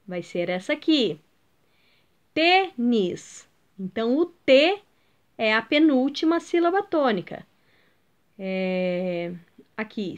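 A Brazilian Portuguese-speaking woman teacher giving a video lesson to schoolchildren, patiently sounding out words and checking that her pupils follow along. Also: sits high. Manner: explains step by step, checks in with "ok?" and "entenderam?".

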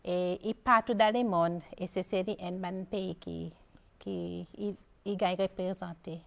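Older woman with a gravelly low voice. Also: steady tone, a little slow. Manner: hesitant, searching for words. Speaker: guest, doctor. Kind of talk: studio interview answers. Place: TV studio, indoors.

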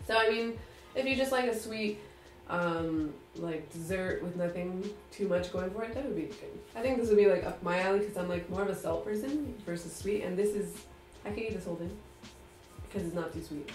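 A woman's voice: medium pitch, a little fast, a little mellow, soft background music. A woman co-hosting a casual snack taste-test video, chatting with lots of fillers. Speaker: vlog co-host. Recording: roomy sound from a distant mic.

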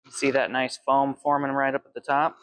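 A man's voice: mid-range voice, level tone, fairly quick, fairly bright tone, slight background noise. A young man in his twenties working as a bartender, walking through cocktail recipes step by step at an indoor bar. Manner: friendly step-by-step instructions while mixing. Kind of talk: cocktail demonstration. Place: indoor bar with shelves of bottles.

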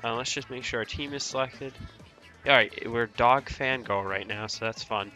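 A man's voice: mid-range voice, normal speed, sharp tone, soft background music. A man hosting a gaming channel, talking through gameplay in casual, rambling commentary with many hesitations and fillers.

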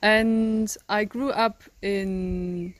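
An eighteen-year-old volunteer from northern Germany answers interview questions in English, her second language, with a German accent, a mid-range voice and fairly even intonation. She is thoughtful, searching for words with many ums, pauses and restarts. She's recorded outdoors in a garden, with no echo, on a handheld phone held by the interviewer.

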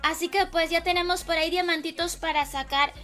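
Hoarse high-voiced woman streamer. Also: fairly even intonation, a little fast, pushed and bright, soft background music. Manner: affectionate, greets viewers by name and blows kisses. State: hoarse, losing her voice. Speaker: livestream gamer host. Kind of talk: casual late-night livestream chat.

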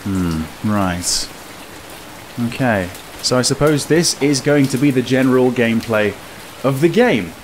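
Hosting a gameplay video, a man in his thirties gives casual, wryly understated commentary. His medium-pitched voice has lively intonation and a measured pace, set against very noisy game ambience.

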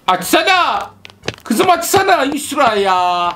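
A man giving excitable casual commentary while coaching his daughter through a video game. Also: extremely high pitch, slow pace. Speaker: parent playing with his daughter. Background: game music.

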